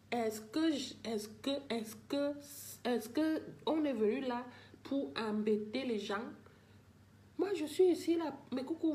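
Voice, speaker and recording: A woman's voice: high voice, mellow. An older woman ranting emotionally to her live-stream viewers, pleading and repeating herself as she talks straight to them. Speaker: livestreamer addressing viewers.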